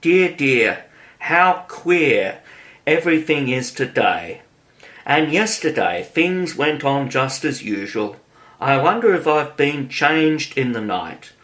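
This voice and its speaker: A curious young girl in a storybook, as a male reader puts her on, musing aloud in slow, wondering phrases. The voice is only lightly raised from his own. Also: fairly high pitch, big pitch swings, fairly bright tone, exaggerated voice. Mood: puzzled.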